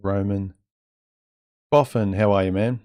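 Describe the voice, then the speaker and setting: Low-voiced man, speaking as if wearing a mouthguard. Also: steady tone, unhurried, mellow. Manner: blunt, conversational, rhetorical questions. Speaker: livestream host giving dating advice. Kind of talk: casual opinionated monologue to live chat.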